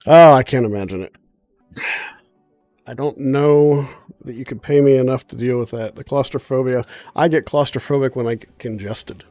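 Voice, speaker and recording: At a normal speed, a man on a gaming livestream talks in a mid-range, dark voice that sounds stuffed up and nasal. He rambles in a relaxed, chatty way, using fillers as he thinks aloud, over a dry recording with faint music behind him.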